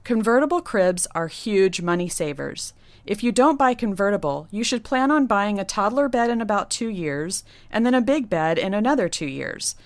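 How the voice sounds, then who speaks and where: A woman's voice: mid-range voice, lively intonation, normal speed, dry recording. A woman nursery designer reading an upbeat scripted money-saving tips segment.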